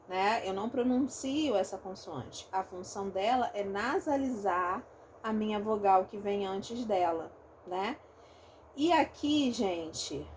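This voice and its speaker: In a recorded online lesson, a Rio de Janeiro-accented phonetics teacher walks her students through the material step by step, frequently checking in. Her voice is on the high side with a darkish tone, and a little hiss or hum runs underneath.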